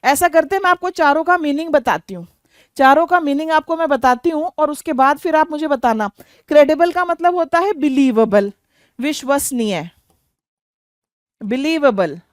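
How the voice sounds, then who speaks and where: In an exam-prep lesson, a woman with an Indian accent and a high-sitting voice teaches English vocabulary, explaining meanings and spelling words letter by letter. The studio sound is clean, with no room sound.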